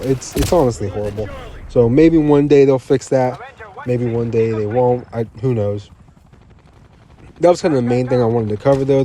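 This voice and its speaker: A man's voice: medium pitch, dark tone, slight background noise. A man giving casual gaming commentary, ranting bluntly and repeating himself, a bit tired, with faint game sounds behind him.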